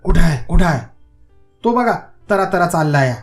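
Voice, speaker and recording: A man's voice: medium pitch, a little slow, a little mellow, faint music behind, lightly acted. A man doing a wry, bossy village exorcist. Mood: commanding. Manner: coaxing, then commanding and wry.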